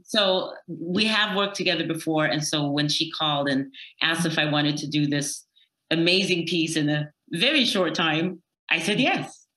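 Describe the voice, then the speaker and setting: A woman's voice: sits low, bright, forceful tone. A woman stage actress from Berlin, chatting in an interview, hesitant with many "uh"s and asides. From Berlin, Germany. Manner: hesitant, full of "uh"s and quick asides. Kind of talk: casual interview chat. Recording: echoey room, slightly dull sound.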